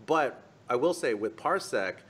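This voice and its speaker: A man's voice: medium pitch, animated, a little slow, a bit bright, husky. A man co-hosting an esports talk show in casual panel chat, making jokes and trailing off mid-list.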